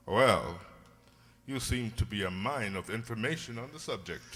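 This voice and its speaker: A man's voice: lowish voice, lively intonation, normal speed, fairly bright tone. A man playing a genial, sentimental older English doctor telling a story in an old-time radio drama, hearty and avuncular. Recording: hall-like long reverb.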